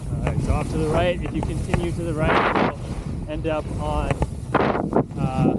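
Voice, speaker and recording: A man's voice: on the high side, fairly even intonation, normal speed. A young man casually narrating while skiing outdoors, easygoing and chatty with fillers, recorded on an action camera. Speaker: vlogger skiing with a friend. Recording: loud wind noise on the mic.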